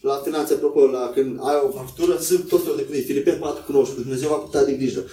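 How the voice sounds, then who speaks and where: A man preaching a sermon in a conversational way, acting out quotes in a higher voice. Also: fairly even intonation, warm tone. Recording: echoey room, voice from a distance.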